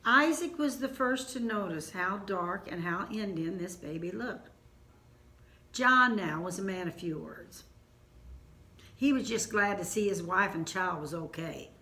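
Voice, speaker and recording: An older woman with an Ozark accent telling a family story in an unhurried, homespun way, with asides. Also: mid-range voice, sharp tone, reverberant.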